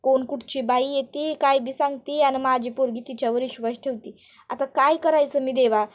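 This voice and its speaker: A melodramatic village mother pleads and protests in a high, raised wail, as a woman narrator puts her on. She begs and swears her innocence in a rustic, theatrical manner. The voice sits high and carries well. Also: fairly even intonation, normal speed, natural voice. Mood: pleading wail. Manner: pleading, protesting, theatrical wailing in rural dialect. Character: melodramatic wailing village mother-in-law, middle-aged woman.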